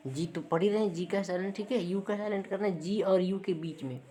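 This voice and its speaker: A woman's voice: mid-range voice, fairly quick, warm tone. A woman, teaching a lesson step by step and checking in with her students after each point. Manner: repeats points, checks in with "ठीक है". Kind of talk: classroom lesson.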